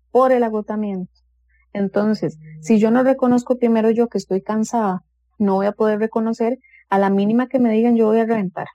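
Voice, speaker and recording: A woman, giving advice as a guest on a talk show and calmly explaining things, often voicing the people she quotes. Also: a little high, dry recording. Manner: calm explanatory, acts out quoted family dialogue. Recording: dull dry studio sound.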